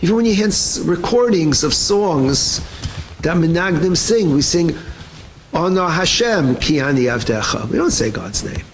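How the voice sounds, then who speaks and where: Lively high-voiced rabbi teaching a class. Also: male voice, normal speed, a little hiss or hum, rough recording. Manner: animated, acts out quoted voices, mixes Hebrew terms into English. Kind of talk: lively Torah shiur.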